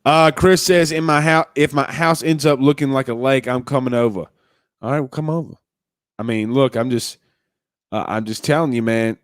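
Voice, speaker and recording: Here a young man who hosts a sports podcast chats casually on a live stream, going through comments at a normal pace. He's from Louisiana, restarts sentences as he rambles, and calls listeners "man" and "bro." His mid-pitched voice is smooth and resonant but a bit congested, recorded close and dry with no echo.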